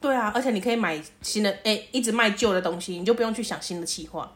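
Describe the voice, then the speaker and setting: A woman's voice: medium pitch, quick pace. A woman with a Taiwanese Mandarin accent co-hosting a casual chat podcast, teasing her partner and laughing often. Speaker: podcast co-host.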